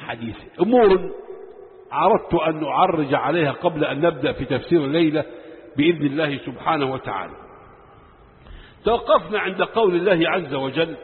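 An Egyptian sheikh teaching a lesson on Quran commentary, often asking the audience questions and answering them himself. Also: male voice, a little high. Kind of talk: religious lesson. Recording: tinny lo-fi sound in a reverberant hall.

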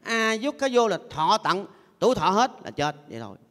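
A man's voice: high voice, very animated, a little fast, a bit bright. An older man, a Buddhist monk giving a playful sermon who has his audience repeat phrases after him. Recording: long echoey hall reverb.

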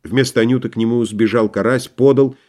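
A man reading a novel aloud as an audiobook narrator, with a measured, dramatic storytelling manner. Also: mid-range voice, fairly even intonation, a little mellow.

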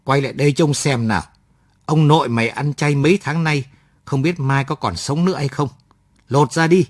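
A man voicing a gruff young male soldier who barks his words roughly in a read-aloud story. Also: a little high, moderate pace, no echo, clean studio sound, close to an everyday voice. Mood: harsh. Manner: barking, rough-spoken.

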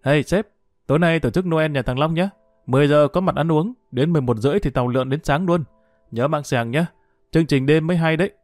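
A pushy young buddy who teases and needles, voiced by a male narrator. He talks fast and brash, a touch higher than the narrator's own voice, with a mellow timbre. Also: dry recording, faint music behind, close to an everyday voice. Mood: teasing. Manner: brash, mocking, fast-talking.

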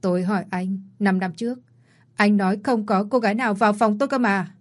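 A curt, arrogant rich young man from a storybook, voiced by a woman narrator. He talks clipped and cold at an ordinary middle pitch. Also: steady tone, a little fast, natural voice. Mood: agitated.

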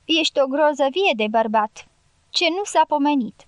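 A woman's voice: high-pitched, expressive, clean tone, no echo. A woman reading an audiobook voices a cheerful, fawning male guerrilla hunter who exclaims and wheedles. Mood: flattering.

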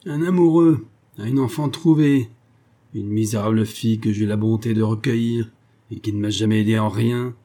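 A man voicing a furious, miserly old male farmer who shouts and stammers with rage. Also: lowish voice, monotone, a little fast. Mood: ranting.

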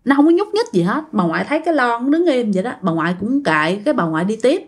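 A woman tells ghost stories in a chatty, expressive way. She talks straight to her listeners. Her pitch swings widely from line to line. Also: quick pace, slightly rough. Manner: expressive, addresses listeners directly. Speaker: storyteller. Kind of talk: ghost story narration.

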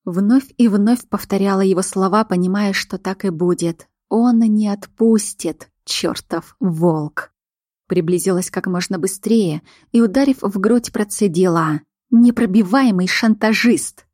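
A woman reading a first-person novel aloud as narrator, with an expressive, emotional delivery. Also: medium pitch, unhurried, no echo, clean studio sound. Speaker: audiobook narrator.

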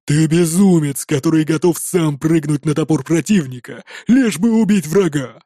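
A man voicing a burly, mocking male warrior teacher with a deep bass voice, gruff and slow. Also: mellow, no room sound, clean studio sound, natural voice.

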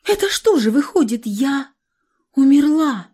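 A woman's voice: sits high, very animated, measured pace, a little mellow, voice pushed up. A woman voicing a timid, frightened young woman in an audiobook. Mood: shocked. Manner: timid, hesitant. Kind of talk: audiobook character voice.

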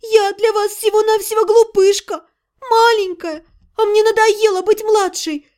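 A woman's voice: moderate pace, a little mellow. A woman voicing a rebellious teenage younger sister who whines and cries as she argues. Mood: tearful. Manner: crying, whiny, shrill.

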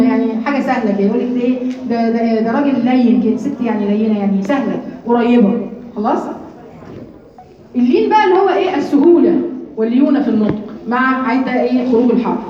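The recording catches a high-voiced, energetic Egyptian woman from across an echoing room as she teaches Quran recitation to women students. Speaking Egyptian Arabic, she questions the class, supplies the answers, and lingers slowly on key words. Her voice is muffled, with students chattering around her.

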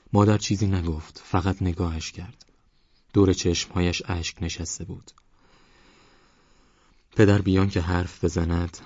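Deep, flat-voiced male audiobook narrator. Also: slightly rough, no echo. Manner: calm, even storytelling. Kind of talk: scripted novel narration. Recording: dry, slightly dull recording.

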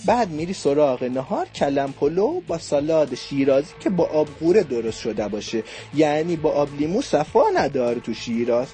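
A man's voice: on the high side, big pitch swings, warm tone, soft background music. A man, a playful contestant pleading with the judges in a radio sketch. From Shiraz.

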